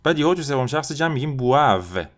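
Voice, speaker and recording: A man teaching a language lesson. He explains quickly, then slowly repeats drill phrases for listeners to copy. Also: mid-range voice, animated. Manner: slow, drawn-out repetition of drill phrases. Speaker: French teacher.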